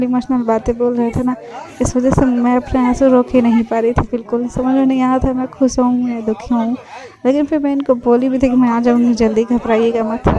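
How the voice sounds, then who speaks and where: A woman's voice: on the high side, rough recording. A young woman from Bihar narrating a casual travel vlog in a chatty, repetitive way full of fillers. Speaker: vlogger.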